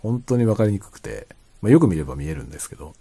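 A man chatting casually and quietly late at night, rambling as he explains, often trailing into soft asides. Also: very animated, rapid-fire, vocal fry, husky. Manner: quiet, low-voiced late-night talk. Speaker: streamer chatting to listeners.

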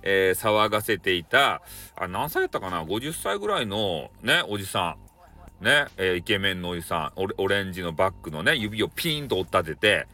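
Animated man with a Kyushu accent. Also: low voice, a little fast. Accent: Kyushu Japanese. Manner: colloquial and jokey, with repeated "ne" tags. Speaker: solo audio-app broadcaster. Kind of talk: casual rambling monologue.

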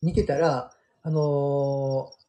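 A man's voice: medium pitch, drawn-out words. A middle-aged man with a Kansai Japanese accent, a guest manga artist telling stories in a casual radio chat, full of fillers and restarts. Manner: animated storyteller, many fillers.

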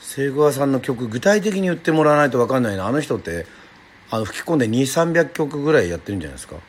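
A man's voice: mid-range voice, big pitch swings, very fast, a little hiss or hum. A middle-aged man from Yoron Island hosting a casual live radio stream, chatting, joking at himself and answering listener comments. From Yoron Island, Japan. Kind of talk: casual livestream chat.

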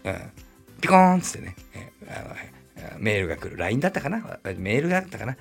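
A middle-aged man with a gravelly, slightly husky voice tells a personal story in a loose, rambling podcast chat. His pitch swings freely up and down as he adds wry asides, and soft music plays faintly behind him. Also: big pitch swings, fast talker. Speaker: podcast host. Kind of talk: casual storytelling monologue.

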